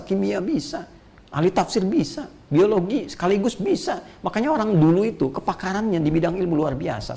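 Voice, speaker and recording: Gravelly Indonesian preacher, lively. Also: male voice. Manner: animated, rising to high emphatic peaks, playful asides. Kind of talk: motivational religious lecture.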